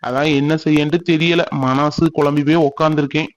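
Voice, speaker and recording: A brooding, heartbroken young villager, voiced by a man,. His cartoon voice sits fairly high and comes out mournful, pleading and slow with tears. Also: steady tone, highs cut off, natural voice. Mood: troubled. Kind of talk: cartoon voice acting.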